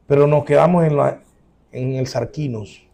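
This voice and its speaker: A man preaching as a pastor, emphatic, acting out quoted voices with sudden loud rises, then closing in prayer. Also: mid-range voice, moderate pace, vocal fry. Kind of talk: sermon.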